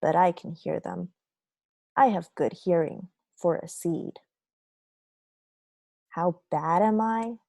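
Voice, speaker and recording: Storybook seed , read by a woman: grumpy yet remorseful, confessional and dramatic, lowish and mellow, for young listeners. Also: slow, vocal fry, pauses often, no room sound. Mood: sly confession. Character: grumpy, remorseful bad sunflower seed telling his story. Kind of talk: children's picture book read aloud.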